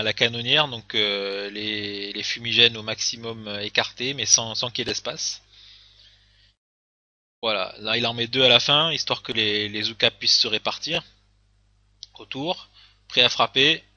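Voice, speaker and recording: A man's voice: mid-range voice, steady tone, a little slow, sharp tone, no room sound, lo-fi sound. A man casually commenting on game replays, hesitant, with many fillers and restarts.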